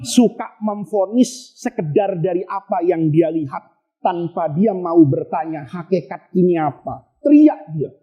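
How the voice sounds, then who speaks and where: A man's voice: high-pitched, unhurried, slightly rough, lo-fi sound. Chuckling male preacher telling a story. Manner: jokey, chuckling, slangy asides. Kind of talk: humorous sermon storytelling.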